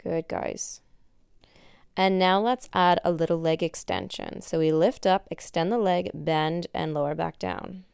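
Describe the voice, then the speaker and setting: A woman's voice: lowish voice, fairly even intonation, measured pace, vocal fry, a little mellow, clear, resonant tone, dry recording, clean studio sound. A young woman instructing an at-home workout like an aerobics instructor, giving encouraging cues as she exercises along. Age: young adult. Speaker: fitness instructor. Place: indoor wood-floored exercise studio.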